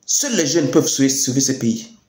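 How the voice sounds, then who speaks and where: A young man with a Chadian French accent giving a rousing political address, emphatic and deliberate, with repeated phrases and rhetorical questions. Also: mid-range voice, sing-song, darkish tone. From Chad. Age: young adult. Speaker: youth activist speaker. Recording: echoey room sound.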